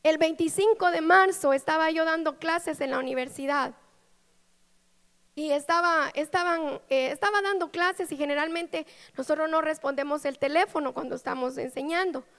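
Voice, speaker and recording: A woman pastor with a Guatemalan accent preaching a sermon, telling a personal story with deep emotion and dropping to soft, low tones as she recounts it. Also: moderate pace. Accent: Guatemalan Spanish. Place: church sanctuary. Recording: reverberant church hall.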